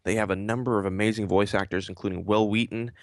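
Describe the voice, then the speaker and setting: A man hosting a casual live-stream interview, joking and relaxed. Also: lowish voice, fast. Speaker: interview host.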